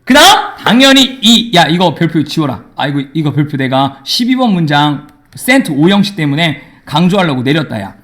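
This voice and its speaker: A man teaching an English grammar lesson in a classroom, lively and teasing with his students. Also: on the high side, moderate pace.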